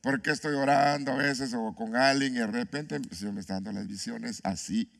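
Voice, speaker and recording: A man pastor preaching an animated sermon, asking his congregation questions and mixing in humor. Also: medium pitch, a little fast, gravelly. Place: church.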